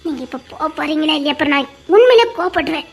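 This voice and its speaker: A woman's voice: high voice, animated, fast talker, creaky. A woman acting an anxious young woman who hides her lover and talks in pleading, exasperated whispers. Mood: stern whisper. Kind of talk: audio drama acting.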